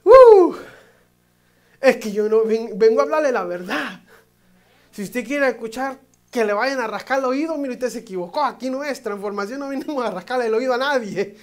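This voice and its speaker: A male pastor, preaching a sermon with passion, swinging from loud exclamations to hushed lines and joking asides. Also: very high voice, lively intonation, normal speed.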